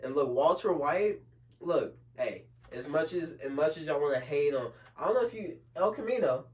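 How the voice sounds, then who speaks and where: A young man co-hosting a podcast, chatting about TV shows in a casual, excitable way, often repeating himself. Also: normal speed, recorded from a distance. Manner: excitable, repeats himself, swings loud and high. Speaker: podcast co-host. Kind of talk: casual chat.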